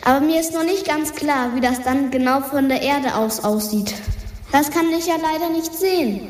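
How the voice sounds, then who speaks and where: A woman's voice: sits high, normal speed, soft background music. A woman voicing a cheerful, chatty female dwarf planet who talks to earthlings in a children's radio science sketch, with an echoing space effect on her voice. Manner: cheerful, calls listeners earthlings. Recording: reverb-soaked echoey voice effect.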